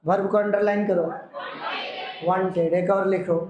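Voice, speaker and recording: Male English teacher, high voice, firm classroom instructions, echoey room. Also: flat delivery, dull audio, background noise. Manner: slow dictation, firm instructions. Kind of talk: classroom grammar lesson.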